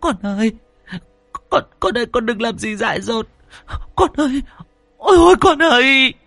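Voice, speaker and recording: Brief: tearful middle-aged mother, voiced by a male storyteller, high and pleading. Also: lively intonation, normal speed, a bit bright, dry recording, soft background music, heavily acted. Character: grieving middle-aged mother, sobbing pleas.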